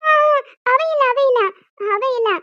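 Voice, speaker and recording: Very high, timid college girl, voiced by a woman. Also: takes it slowly, pushed and bright, no echo, highs cut off, exaggerated voice. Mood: pleading. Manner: pleading, hesitant, stammering. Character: young woman college student, naive and timid. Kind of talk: animated story dialogue.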